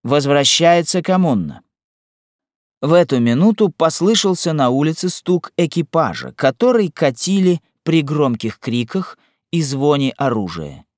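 Male audiobook narrator, expressive and unhurried, dry close sound. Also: a little high, no echo. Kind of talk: scripted narration of a classic novel.

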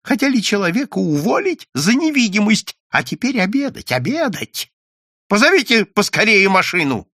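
A man doing a loud brash scheming accountant. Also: sits high, very animated, normal speed, dry recording, studio quality, pitched above the performer's own voice, exaggerated voice. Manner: loud, shouting, commanding.

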